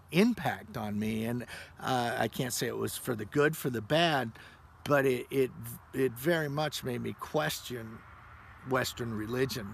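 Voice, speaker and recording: Man, interviewee, gravelly, hesitant and reflective; faint background noise. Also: mid-range voice. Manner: halting, thoughtful, many fillers.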